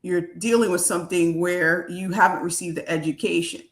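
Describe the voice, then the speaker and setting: A woman's voice: fairly low pitch, steady tone, normal speed. A woman from Haiti hosting a live video chat as a wealth coach, talking in an upbeat, emphatic way.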